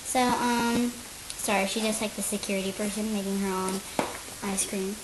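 A woman's voice: mid-range voice, steady tone, normal speed. A female host chatting through a casual cooking demonstration at a kitchen table, hesitant with frequent ums. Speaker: host of a home cooking video. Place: home, at a kitchen table indoors. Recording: noisy home camera recording.

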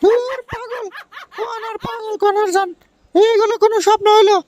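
A woman voicing a nagging, dismissive young village sweetheart in a comic cartoon, with a colloquial Bangladeshi regional accent and a creaky voice. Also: extremely high pitch, fairly even intonation, a little fast, a little mellow. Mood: annoyed, scolding. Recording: music under the voice.

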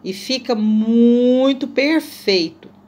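A woman's voice: on the high side, drawn-out words, darkish tone. A woman from Brazil with a Brazilian Portuguese accent, narrating her cooking video in a chatty, playful, self-mocking way and addressing viewers often. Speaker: cooking vlogger.

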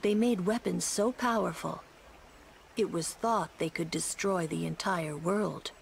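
An actress playing a stern, composed young woman mage who speaks in a calm, measured way. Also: on the low side, creaky, a little hiss or hum.

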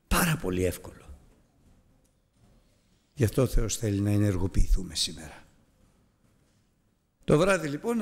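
A man's voice: mid-range voice, a little mellow. A man teaching a preaching Bible lesson, firing rhetorical questions at his listeners with self-mocking asides.

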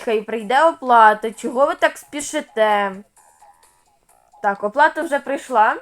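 A high, unhurried female voice carries a playful game role-play. She speaks softly and shifts between the parts of a cashier, a parent and an excited child, with faint music under her. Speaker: channel host playing all parts.

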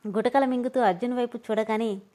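A woman narrating a story in a steady, expressive reading voice. Her pitch sits a little higher than usual for a woman, and the delivery stays even and clear from line to line. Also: fairly quick.

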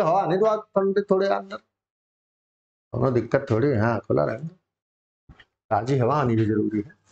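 A male English vocabulary teacher, drilling words with students in a casual, encouraging coaching-class manner. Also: high voice. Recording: dull lo-fi sound.

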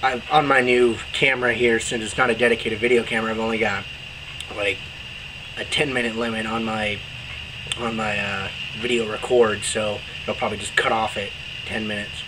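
Man, talking around pipe stem, casual vlog chat, noisy recording. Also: fairly low pitch. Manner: relaxed, unhurried, halting with fillers. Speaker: pipe smoking vlogger. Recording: noisy home video recording.

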